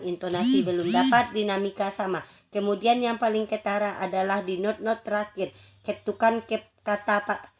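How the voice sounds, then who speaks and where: Announcing for a writing community's contest, a woman reads a judge's feedback entrant by entrant, delivering each brief remark in a steady, list-like rhythm. Her pitch sits in the middle range, and she occasionally restarts a phrase before carrying on.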